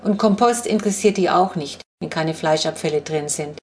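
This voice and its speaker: A woman's voice: low-pitched, moderate pace, darkish tone, close to an everyday voice. A woman voicing a clever young boy in an audiobook, eager and know-it-all.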